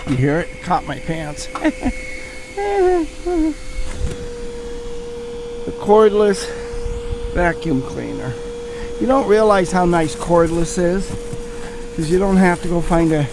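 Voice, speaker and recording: A man's voice: high-pitched, lively intonation, measured pace, pauses often. A folksy, down-to-earth man talking casually as he works on a house repair outdoors. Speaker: home repair vlogger. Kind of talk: casual on-site vlog narration. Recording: outdoor noise behind the voice.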